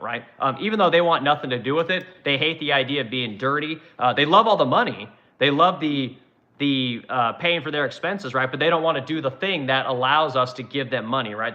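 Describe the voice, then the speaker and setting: Fast, bright-voiced blunt man in his forties. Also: medium pitch, muffled recording. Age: 40s. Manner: blunt, profane and rambling. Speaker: woodworking business owner answering live chat. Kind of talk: casual livestream chat.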